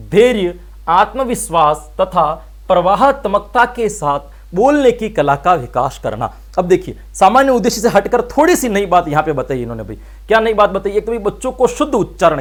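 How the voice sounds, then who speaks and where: Brief: male online tutor, rapid delivery, quizzes listeners then answers himself. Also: high-pitched. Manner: rhetorical questions answered himself, calls viewers friends. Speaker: teacher. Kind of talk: exam-prep lecture.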